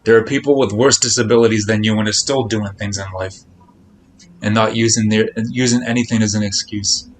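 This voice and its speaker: A man with a voice on the low side chats casually during a live game stream, with noticeable background noise. His tone is steady and his pace brisk, and he comes across as blunt, admonishing and repetitive.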